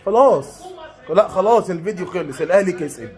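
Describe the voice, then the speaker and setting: A young Egyptian man reacting live to a football match, excitable, shouting and pleading at the game. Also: high voice, quick pace. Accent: Egyptian Arabic. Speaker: football fan vlogger.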